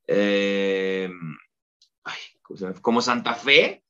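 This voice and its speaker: A man's voice: fairly low pitch, slow pace, clean tone, highs cut off. Chatty Mexican man telling travel stories. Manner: lively storyteller, many fillers like "este". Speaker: guest. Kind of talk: casual interview chat.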